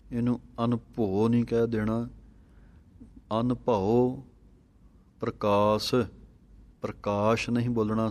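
Male recitation teacher, low steady voice, slow and careful delivery. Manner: chants verses slowly, then explains spelling in a measured tone. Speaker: scripture pronunciation teacher.

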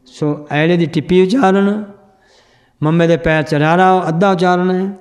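A man teaching scripture, explaining verses and correcting a student's pronunciation, chanting the lines slowly. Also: high-pitched, fairly even intonation. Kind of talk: religious teaching and pronunciation drill.

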